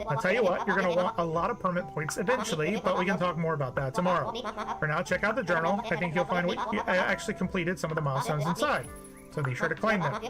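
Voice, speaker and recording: A man's voice: sits high, fast, over music, natural voice. A man voicing a cheerful female settler leader from a farming game, reading her dialogue aloud in a chatty, folksy, encouraging way. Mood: upbeat.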